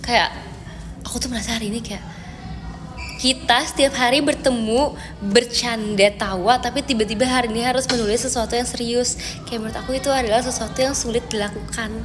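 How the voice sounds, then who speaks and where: A woman's voice: fairly high pitch, steady tone, a little fast, in a large hall, noisy background. Chatty young woman on a live stream. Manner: chatty, reads viewer comments, filler-heavy. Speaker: idol group member streaming live. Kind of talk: casual live-stream chat.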